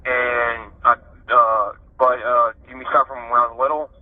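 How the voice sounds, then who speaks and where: A man in his thirties from Ohio, a prison inmate calling on a prison phone and telling his story in a halting way, with many fillers and restarts. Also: mid-range voice, level tone, no echo. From Ohio, USA. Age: 30s. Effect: heard over a prison phone line. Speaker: prison inmate being interviewed. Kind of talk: candid personal account. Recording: tinny prison phone line.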